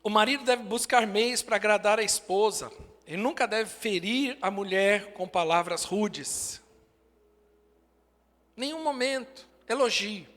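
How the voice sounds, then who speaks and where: A man's voice: sits high, a little slow, a bit bright. A man in his forties with a Brazilian Portuguese accent, preaching a sermon in short, emphatic declarations. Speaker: pastor. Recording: long hall reverb.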